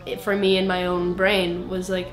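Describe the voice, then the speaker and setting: A woman's voice: lowish voice, completely flat delivery, moderate pace, reverberant, soft background music. Rambling young woman in her twenties. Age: 20s. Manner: rambling, self-interrupting, frequent "like" and laughs. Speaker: singer-songwriter guest. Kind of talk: casual interview.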